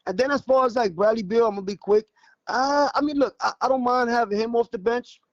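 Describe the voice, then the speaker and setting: A man calling in to a sports talk show, chatting loosely and relaxed. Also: very high voice, quick pace, no room sound, dull audio. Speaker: caller. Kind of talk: casual call-in chat.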